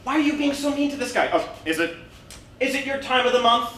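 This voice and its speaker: A woman's voice: high voice, animated, fast talker, fairly bright tone, slight background noise. A woman playing a bubbly, clueless fan. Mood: oblivious. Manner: bubbly, oblivious. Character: clueless young woman, eager fan of a villain. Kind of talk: staged reading of a comedy play. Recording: echoey stage, distant mic.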